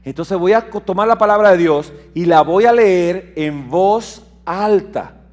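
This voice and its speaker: A man preaching a sermon, reading scripture aloud and putting questions to his congregation, swinging between loud declaiming and soft low asides. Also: unhurried.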